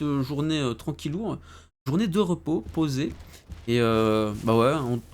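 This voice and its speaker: A man streaming a game, chatting casually with his viewers in slangy, relaxed talk. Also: mid-range voice, creaky, a little hiss or hum. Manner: laid-back, slangy, talks to chat by name.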